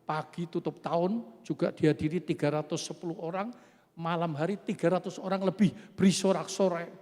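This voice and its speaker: A man's voice: on the high side, steady tone, fairly quick, darkish tone. A man in his seventies preaching a sermon, giving testimony and often calling out to the congregation. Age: 70s. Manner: emphatic, often addresses the congregation directly. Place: church hall. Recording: echoey church hall with faint music.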